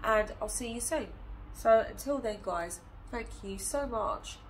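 A woman in her thirties, an early years teacher with a cold and a stuffy nose, sits in a small room chatting to a phone camera a short distance away and asking viewers lots of questions. Her voice is a little high, expressive, and a little slow, over a rough recording with a little hiss or hum.

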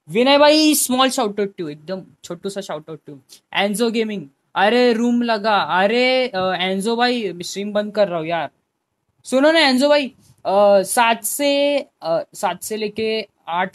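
A young man with a fairly high voice, talking casually into a headphone mic on his game stream. He chats with viewers by name and sometimes pleads with them. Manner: chatty, talks to chat viewers by name, pleading at times. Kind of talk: casual live-stream chat.

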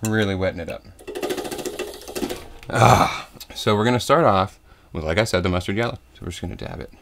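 A young man hosting a comedic painting tutorial parody, talking in a soft tutorial voice that slips into crude jokes. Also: on the low side, fairly quick, gravelly, noisy background. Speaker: comedy host.

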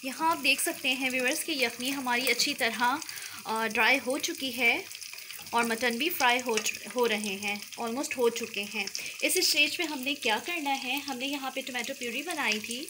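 High-voiced woman over sizzling pans. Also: normal speed. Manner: explains step by step, often adds "theek hai". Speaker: cooking channel host. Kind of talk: recipe walkthrough over cooking footage. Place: home kitchen. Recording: home video with frying noise. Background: sizzling oil and stirring.

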